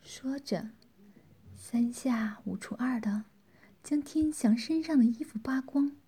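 A woman narrating a story in a soft, hushed whisper. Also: on the high side, slow pace, breathy edge.

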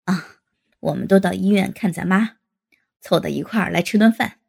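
Woman putting on a brash young man, gravelly and husky, teasing, loud fast bursts, storybook reading. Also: mid-range voice, voice pushed down. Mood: casual. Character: brash joking young man, crude teaser. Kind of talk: storybook character voice.

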